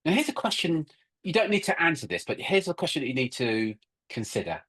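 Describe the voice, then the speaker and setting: A middle-aged man co-hosts a recruiting workshop webinar, presenting emphatically and often repeating and restarting his words. His voice is a little high, sing-song, fairly bright and slightly rough, and he speaks fairly quickly.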